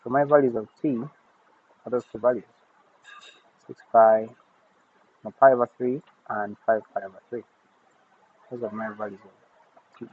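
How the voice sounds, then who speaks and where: A man's voice: medium pitch, steady tone, measured pace, long pauses, breathy edge. A man teaching a recorded math lesson, talking steadily through each step of his working. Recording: tinny phone-like audio with faint noise.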